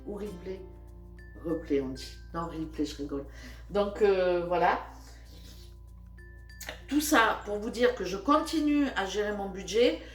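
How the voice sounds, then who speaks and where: An older woman, chatting casually about her budget, with many fillers and pauses. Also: mid-range voice, lively intonation. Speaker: vlogger. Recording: roomy, from a distance, faint music.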